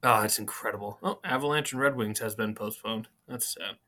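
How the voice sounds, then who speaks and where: A man co-hosting a sports podcast in casual banter, excitable and teasing, with slightly slurred, numb-mouthed speech. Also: on the low side, brisk.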